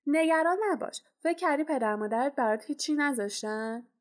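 A woman's voice: high voice, pitched above the performer's own voice, close to an everyday voice. Woman doing a drowsy, good-natured giant. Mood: easygoing. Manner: drowsy, easygoing, reassuring. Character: huge, gruff, good-natured male giant.

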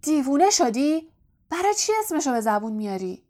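A chatty, excitable young bus conductor, voiced by a woman in an audiobook reading. He talks high and fast with gossip, pressing his listener for agreement. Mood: agitated. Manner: gossipy, keeps asking for agreement.

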